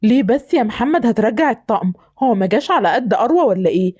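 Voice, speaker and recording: A woman's voice: a little high, lively intonation, fast, a little mellow, breathy edge. A woman voicing a generous Egyptian engineer. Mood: puzzled. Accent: Egyptian Arabic. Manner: generous and indignant. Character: kind, wealthy Egyptian engineer, indignant. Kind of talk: amateur voice drama.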